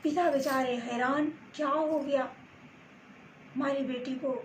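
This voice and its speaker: High-voiced woman telling a story real slow, gentle halting phrases, echoey room. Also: steady tone. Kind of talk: storytelling narration. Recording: roomy echo, faint ambient noise.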